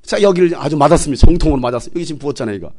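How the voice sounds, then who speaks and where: A middle-aged pastor preaching in a fairly high voice. He swings between loud, urgent exhortation and quiet, wry asides, acting out the voices he quotes. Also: animated, very fast. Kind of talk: sermon.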